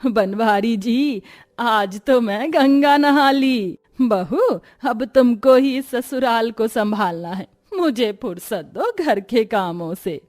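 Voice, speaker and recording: A woman's voice: on the high side, slow, darkish tone. A woman voicing a kind, naive middle-aged mother-in-law in a cartoon, motherly and coaxing. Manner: motherly and coaxing, sometimes scolding. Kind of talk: Hindi cartoon voice acting.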